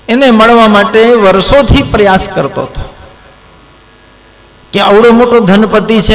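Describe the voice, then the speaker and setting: A man's voice: sits high, slight background noise. A man giving a sermon, telling a story and acting out its characters. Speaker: Bhagavat katha preacher. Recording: long hall reverb.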